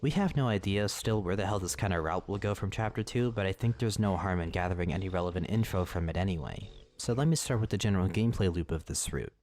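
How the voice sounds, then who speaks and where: A man's voice: low-pitched, expressive, fast talker, few pauses, darkish tone. A man narrating a scripted lore video, with casual asides and swearing.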